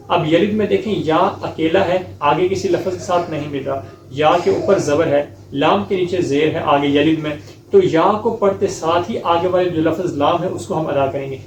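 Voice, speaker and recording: A man teaching a step-by-step Quran recitation lesson. He explains each mistake patiently, checks in with the learners, and recites the verses in a slow, melodic chant. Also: high-pitched, darkish tone, echoey room, slight background noise, rough recording. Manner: repeats "ٹھیک ہے؟" to check understanding.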